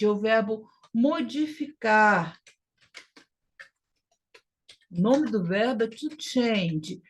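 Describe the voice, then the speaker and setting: A Brazilian woman teaches an English class at an unhurried, measured pace, with her voice sitting at an ordinary middle pitch. She says each example phrase carefully and repeats words so that learners can copy them. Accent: Brazilian Portuguese. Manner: deliberate, repeats words and models English phrases slowly for drilling. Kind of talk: classroom lesson on grammar and pronunciation.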